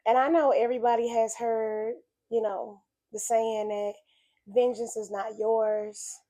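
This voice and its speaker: Her voice is fairly high and mellow, level in tone, and she speaks a little slowly, with a slight rasp left by illness. This woman offers a casual reflection on faith that is earnest and preachy, repeating points for emphasis in a conversational way.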